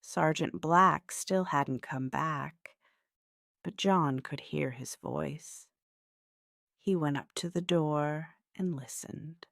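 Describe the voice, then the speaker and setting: A woman narrating a story slowly and clearly for English learners, with an expressive reading voice. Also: sits low, no echo, clean studio sound.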